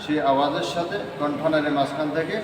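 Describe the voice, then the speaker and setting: A man's voice: fairly high pitch, steady tone, fast, noisy background. A man teaching Quran letter pronunciation in a lesson. He goes step by step and repeats each letter three times. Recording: echoey hall from far off.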